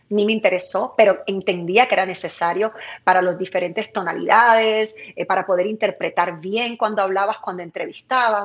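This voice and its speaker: A woman from Cuba who works as a TV presenter, chatting lively in an interview and often laughing as she talks. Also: mid-range voice. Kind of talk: casual interview chat.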